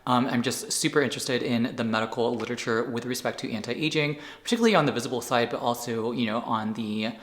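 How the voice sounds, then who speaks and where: Guy vlogging to his camera, kinda rambly, keeps restarting sentences, mid pitch. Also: fast, few pauses, a bit bright. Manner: rambling, self-correcting explanations. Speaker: skincare YouTuber. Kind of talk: casual talk to camera.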